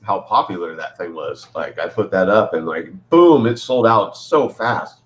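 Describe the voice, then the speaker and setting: A man speaking as a guest on a casual livestream over a video call, giving brief, low-key replies. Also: animated, normal speed.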